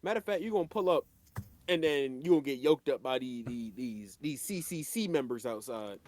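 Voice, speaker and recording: A man's voice: mid-range voice, a little fast. A man co-hosting a casual anime podcast, recapping episodes and acting out the characters' lines as he goes. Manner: animated, acts out characters' lines mid-recap. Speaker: podcast co-host.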